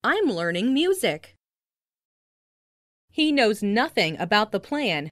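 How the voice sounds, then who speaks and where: A woman reading simple English phrases slowly and carefully for learners, saying each one twice. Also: mid-range voice, big pitch swings, no room sound, clean studio sound. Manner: careful, clearly enunciated, each sentence said twice.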